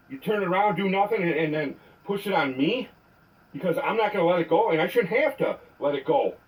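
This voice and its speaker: Angry male caller leaving a voicemail, high-pitched and swearing, heard from a distance. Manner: angry, accusing, swearing, repetitive. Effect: leaving a voicemail on a phone. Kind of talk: ranting voicemail.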